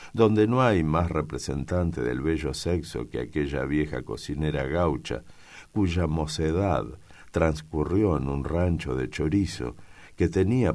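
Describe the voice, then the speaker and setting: A male audiobook reader from Argentina. His voice sits extremely low, and he tells the story in a steady, measured way. It is careful literary narration.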